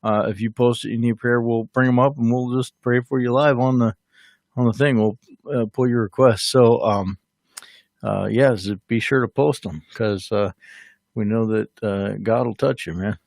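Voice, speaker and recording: An easygoing man in his forties talks agreeably on a home livestream, with a middle pitch and frequent ums. The sound is close and dry, with no audible room. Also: steady tone, creaky, a little mellow, no echo. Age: 40s. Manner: easygoing, agreeable, halting with fillers. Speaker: ministry co-host who prays for viewers. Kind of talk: casual livestream chat.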